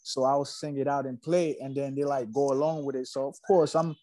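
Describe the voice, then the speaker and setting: A man's voice: mid-range voice, fairly even intonation, fairly quick, warm tone, no echo, low-quality recording. A man from Haiti, a musician guest, talking casually in an interview, laid-back and slangy, often repeating himself.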